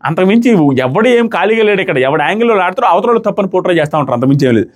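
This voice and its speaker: A man giving a casual, animated spoken review of a reality show, rapidly recapping and quoting what others said. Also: high voice.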